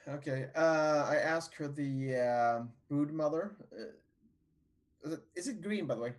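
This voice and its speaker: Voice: mid-range voice, measured pace. A tabletop game player talking casually, hesitant and full of fillers. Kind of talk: casual play.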